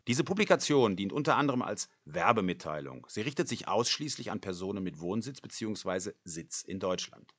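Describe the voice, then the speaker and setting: Low-voiced man reading a formal legal disclaimer. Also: very animated, a little fast, few pauses, fairly bright tone. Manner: formal, reading fine print. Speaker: disclaimer announcer. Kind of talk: scripted legal disclaimer read-out.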